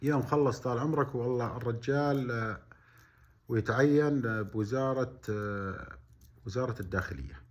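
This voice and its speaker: A man with a Bedouin Gulf Arabic accent telling a story in colloquial, animated style, acting out dialogue with exclamatory asides and repeated phrases. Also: medium pitch, normal speed.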